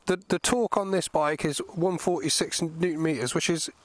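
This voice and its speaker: A man's voice: a little high, moderate pace, no echo. A man speaking from inside a motorcycle helmet, giving a casual spoken review as he rides outdoors, with wind and road noise around the mic. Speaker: vlogger test-riding a motorcycle.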